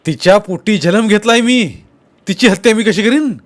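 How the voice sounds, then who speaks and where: This is a man playing a rough village man with a twang, cornered and furious. The voice sits a little high, with loud, jumpy outbursts. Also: unhurried, lightly acted. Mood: outraged. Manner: defensive, loud, agitated outbursts. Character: hot-tempered rural village man accused of murder.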